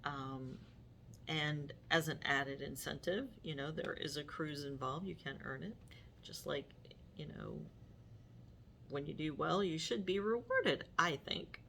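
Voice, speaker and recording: A woman's voice: low-pitched, measured pace, gravelly, fairly bright tone, a little hiss or hum. A middle-aged woman hosting her own vlog, talking casually to viewers with many fillers and restarts. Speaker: vlog host. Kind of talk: casual talk to camera.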